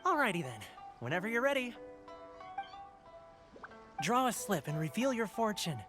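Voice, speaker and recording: Friendly market fortune seller, highly expressive intonation, obliging and courteous, anime game over soft music. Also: male voice, moderate pace. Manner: effusive, obliging, polite. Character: friendly, deferential fortune-slip stall keeper.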